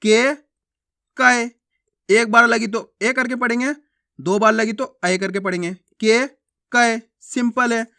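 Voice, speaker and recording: High bright male Hindi teacher. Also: vocal fry. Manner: repeats sounds slowly and drawn out, quizzing the viewer. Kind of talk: friendly Hindi alphabet lesson.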